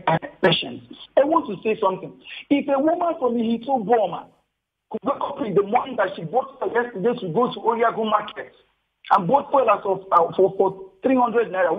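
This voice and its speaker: A man's voice: sits high, slightly rough. A man with a Nigerian accent calling in to a radio talk show over the phone, speaking earnestly and repeating himself. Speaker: radio caller. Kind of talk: call-in comment. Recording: tinny phone line.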